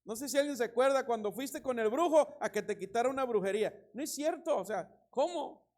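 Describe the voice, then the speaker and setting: High-voiced man preaching a sermon. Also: quick pace. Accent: Mexican Spanish. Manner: animated preaching, reads scripture, tells anecdotes with laughter. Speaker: pastor.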